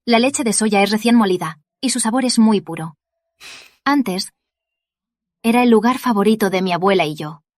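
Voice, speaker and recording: An actress voicing a young woman lead who narrates her memories in a soft, wistful inner monologue. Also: medium pitch, normal speed, long pauses, no echo, clean studio sound, close to an everyday voice. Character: reflective young woman recalling her past. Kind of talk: dubbed drama narration.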